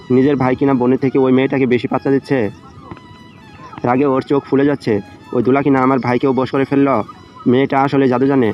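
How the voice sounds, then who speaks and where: Man narrating romantic drama, clear music behind. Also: mid-range voice. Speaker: audio story narrator. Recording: dull lo-fi audio under music. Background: background music.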